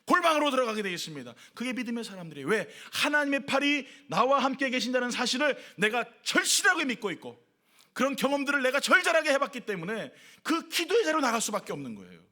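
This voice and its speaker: A man preaching with a high, sharp, bright voice that swings widely up and down. He presses his points with rhetorical questions and repeated lists, the way a pastor delivers a Sunday sermon to his church. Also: very animated, fast talker. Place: church worship service.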